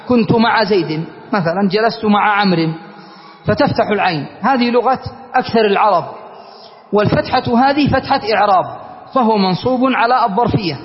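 A Yemeni Islamic scholar with a high, light voice teaches a classical grammar lesson, explaining patiently and repeatedly checking that his students follow. The lo-fi recording sounds dull, with long hall reverb.

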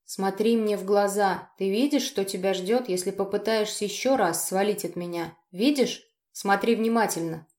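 Woman reader doing a hoarse, menacing jealous young man who snarls through clenched teeth; roomy recording. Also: medium pitch, normal speed, hardly any pauses, darkish tone, close to an everyday voice. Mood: furious. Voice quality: hoarse, growling. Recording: roomy echo.

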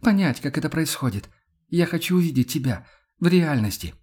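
A man's voice: medium pitch, normal speed, a little mellow, husky, lightly acted. A man reading an audiobook, voicing a young woman who pleads and breaks with emotion. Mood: tearful. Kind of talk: audiobook character voice.

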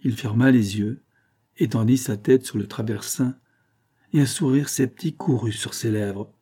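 A man reading a novel aloud as an audiobook narrator, in a measured, literary style. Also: mid-range voice, warm tone. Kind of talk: scripted narration.

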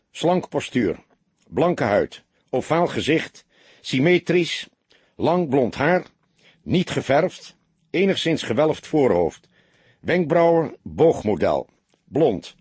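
A man's voice: mid-range voice, a little mellow, slightly rough, no room sound. A man voicing a weary middle-aged police detective who speaks tersely and with dry sarcasm, barking out notes.

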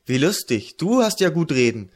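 A man's voice: a little high, sing-song, moderate pace. Man doing a nervous teenage apprentice boy. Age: teen. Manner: unsure, defensive. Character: nervous sixteen-year-old boy apprentice.

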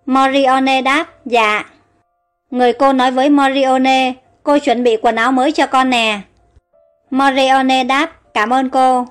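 A woman narrating a story, reading all the characters' lines in her own voice. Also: sits high. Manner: reads every character in one steady voice. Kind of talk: storybook reading of a comic adaptation.

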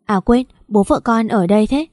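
A woman narrates as a soft-spoken, devoted young husband in a storybook reading. His tone is warm and mellow, and the dry, close sound leaves no room echo. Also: fairly high pitch, normal speed, lightly acted. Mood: tender. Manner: soft and affectionate. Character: gentle doting young husband.

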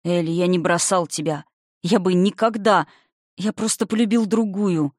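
A reader voicing the spirit of an older father, calm and condescending, who lectures with mocking haughtiness in an audiobook. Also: sits high, fairly quick, no echo, clean studio sound, natural voice. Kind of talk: audiobook character reading.

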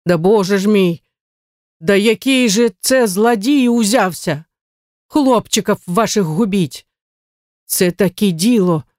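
A reader voicing an aggrieved old working man with a Ukrainian accent who hoarsely protests his innocence and swears oaths. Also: sits high, dry recording, clean studio sound. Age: older.

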